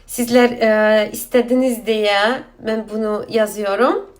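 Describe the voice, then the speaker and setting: Woman, slightly high voice, Azerbaijani accent, halting broken Turkish, informal explainer host. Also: steady tone. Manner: halting broken Turkish of a non-native speaker, mixed with Azerbaijani. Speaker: video host explaining asylum procedure. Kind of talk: informal explainer, question and answer.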